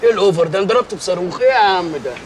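A man's voice: high voice, racing, heavy background noise, close to an everyday voice. A man with an Egyptian accent acting in a slapstick film comedy, blustering and mock-outraged. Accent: Egyptian Arabic. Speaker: comic film actor.

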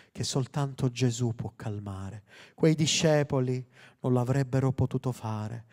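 Fervent man preaching in a reverberant hall. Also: medium pitch. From Sicily, Italy. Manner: fervent preaching, rising to loud emphatic peaks. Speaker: pastor. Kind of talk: sermon. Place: church hall. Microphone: handheld mic.

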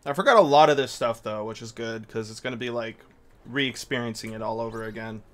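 A man's voice: medium pitch, brisk. A man giving casual gameplay commentary as a streamer, muttering slangy reactions. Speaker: game streamer. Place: small indoor room at a desk. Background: game music, keyboard clicks and typing.

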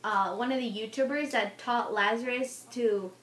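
High-voiced young woman in an echoey room. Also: steady tone, moderate pace, fairly bright tone. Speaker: co-host of a video channel. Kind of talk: casual chat. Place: small room indoors. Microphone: tablet at arm's length. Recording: roomy echo, noisy tablet microphone.

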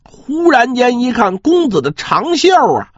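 Slow, animated male pingshu storyteller. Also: very high voice. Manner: drawn-out particles, rhetorical asides to listeners. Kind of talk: dramatic traditional pingshu storytelling. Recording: roomy, slightly dull audio.

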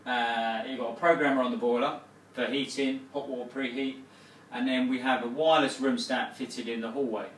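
Speaking a little fast in a steady, medium-pitched voice, a thirtysomething plumbing company owner from England gives a relaxed rundown of a new boiler, stumbling over fillers and restarts. The mic is distant, leaving him slightly off-mic in a roomy small kitchen with faint background noise.

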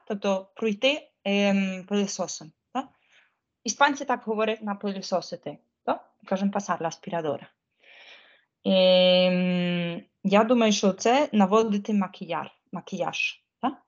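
A woman's voice: mid-range voice, muffled recording. A woman giving an online Spanish lesson in a chatty, informal way, often checking whether her students follow. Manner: frets about pressing buttons. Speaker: Spanish teacher.

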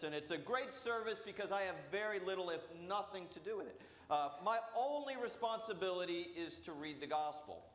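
A man, a priest, preaching a storytelling sermon in a booming voice. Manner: acts out voices in quoted dialogue. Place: church sanctuary. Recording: roomy church reverb.

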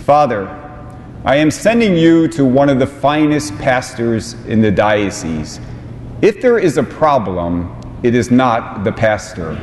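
Slow-preaching bishop in a reverberant cathedral. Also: male voice, big pitch swings. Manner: slow, measured delivery with warm asides. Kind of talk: homily. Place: large cathedral sanctuary. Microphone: small lapel mic on vestments. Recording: long cathedral reverb, faint rumble.

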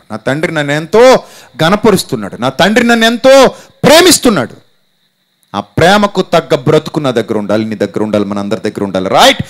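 A man preaching a sermon as pastor, emphatic and repetitive, urging listeners to repeat phrases aloud. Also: medium pitch.

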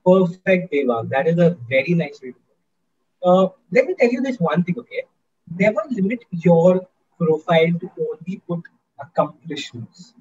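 Brief: high-pitched man leading a student workshop, upbeat and coaxing, muffled lo-fi call audio. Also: very animated, moderate pace, darkish tone, breathy edge. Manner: upbeat, coaxing, keeps asking the audience. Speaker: guest speaker in a student workshop. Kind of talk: interactive online lecture.

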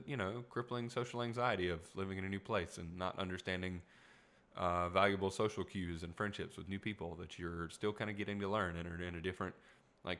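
This is a young man's low, sharp-toned voice as he hosts a relaxed solo podcast from a small room at home. He wanders through his thoughts reflectively, using many fillers, and his voice is wearing a bit thin. A studio mic sits right in front of him.

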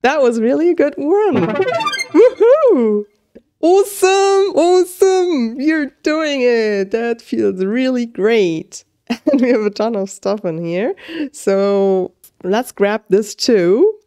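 A woman commentating her own gameplay, excitable, gasping and pleading with the game as she plays. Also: fairly high pitch, takes it slowly, soft background music. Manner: excitable, gasps and squeals with delight. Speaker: gaming video creator.

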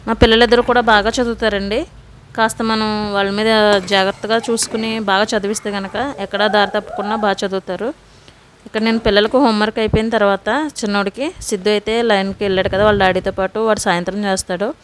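A woman's voice: mid-range voice, steady tone, quick pace, a little hiss or hum. A woman in her thirties, a home vlogger and mother, patiently coaxing her child through homework and chatting to viewers while she cooks. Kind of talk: casual home vlog chat. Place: home kitchen.

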